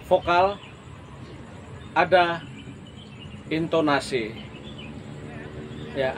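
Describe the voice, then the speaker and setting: Slow, deliberate male drama lecturer. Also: high voice, a bit bright, slight background noise, poor audio. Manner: slow, deliberate teaching with demonstrated examples. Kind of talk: online university lecture.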